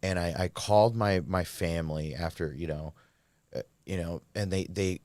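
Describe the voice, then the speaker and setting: Deep-voiced man telling his recovery story. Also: steady tone, normal speed, a little mellow, no echo. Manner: candid, rambling storytelling with many fillers. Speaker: podcast guest.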